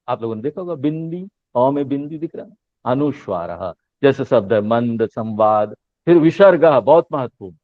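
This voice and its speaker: Male teacher, fairly high voice, dry and phone-thin, patient recitation of letters. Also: a little mellow, no room sound. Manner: drawn-out recitation of letters with rising questions. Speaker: Sanskrit teacher. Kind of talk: explaining a language lesson. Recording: tinny phone-line sound, dry.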